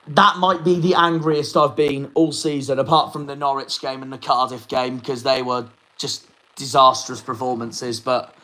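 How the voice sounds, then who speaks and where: A young football fan vlogger from the Plymouth area of England fumes and swears through a post-match reaction video. His voice is a little high and fairly bright, and the recording is rough.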